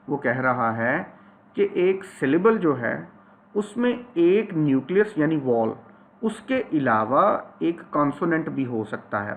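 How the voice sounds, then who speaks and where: A man teaching a phonetics lecture. He reads English passages slowly, then explains them at length. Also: on the high side, phone-quality sound.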